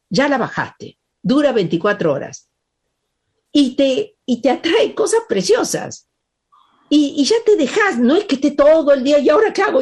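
A woman gives a spiritual talk in a husky, breathy voice. Her pitch swings widely as she stresses and repeats key words, pausing on them to let them land. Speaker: spiritual teacher.

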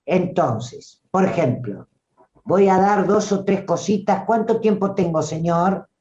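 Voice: medium pitch, lively intonation, slow, darkish tone. A spiritual teacher with a Rioplatense accent gives an emphatic, preachy talk full of rhetorical questions. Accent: Rioplatense Spanish. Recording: dull lo-fi recording.

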